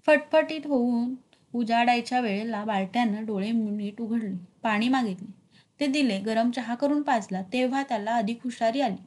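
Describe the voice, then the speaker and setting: A woman teacher reading a novel aloud with expressive emphasis for her students. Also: on the high side, moderate pace. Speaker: literature teacher.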